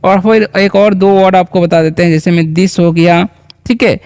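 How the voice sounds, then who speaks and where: A man's voice: high-pitched, fairly even intonation, normal speed, darkish tone, clear, resonant tone, dry recording, studio quality. A man teaching basic English words in Hindi, patiently repeating each word and asking the viewer questions. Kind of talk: spoken English lesson in Hindi.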